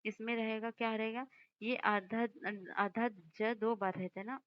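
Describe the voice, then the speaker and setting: A woman teacher going through exam questions, explaining each answer and slowly repeating words to stress their spelling. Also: on the high side, fairly even intonation, highs cut off, slight background noise. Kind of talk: exam-prep lesson.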